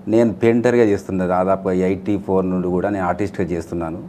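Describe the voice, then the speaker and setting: A man talks quickly and earnestly as a guest in a news studio. His voice sits low, and his rambling answers run together. Faint ambient noise stays in the background. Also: steady tone, dark tone. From Telangana. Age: 50s. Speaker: guest mimicry artist. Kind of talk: studio interview.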